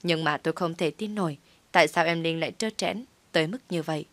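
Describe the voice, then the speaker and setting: Female storyteller, low voice, dry close sound, steady comic narration. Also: fast talker, no echo.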